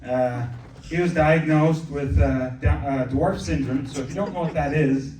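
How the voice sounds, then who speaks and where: A man's voice: a little high, moderate pace, background noise. Rambling young male stand-up comic. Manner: rambling, self-deprecating, trailing off into asides. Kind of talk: stand-up comedy set. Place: comedy club stage. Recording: echoey club from a distance. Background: audience laughter.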